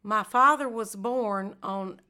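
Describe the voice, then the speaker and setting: Older female interviewee, slow and heartfelt delivery, bright forward tone. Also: mid-range voice, smooth. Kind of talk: interview, repeated takes.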